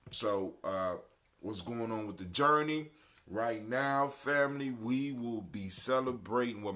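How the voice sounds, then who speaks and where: A middle-aged man with a fairly low, sharp-toned voice hosts a live internet radio show. He is a podcast host who talks in a casual, folksy, conversational style and repeats phrases for emphasis.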